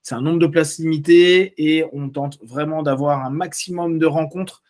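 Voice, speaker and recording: A man hosting an interview, who introduces his guest and closes with brisk, encouraging remarks. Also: on the high side, fairly even intonation, a little mellow. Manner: brisk, encouraging, short acknowledgements. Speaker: interviewer and channel host. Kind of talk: presenting an interview.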